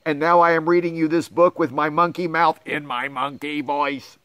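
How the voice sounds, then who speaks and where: A man voicing a silly, boastful robot monkey from a children's storybook, loud and exaggerated. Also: fairly high pitch, fairly even intonation, normal speed, smooth, dry recording, close to an everyday voice. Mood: proudly silly.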